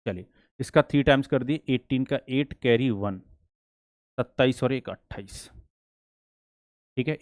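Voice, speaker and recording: A man teaching a maths lesson for exam prep. He asks the class questions and answers them himself, and he reads problems slowly and deliberately. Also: mid-range voice, no echo, narrow, tinny audio.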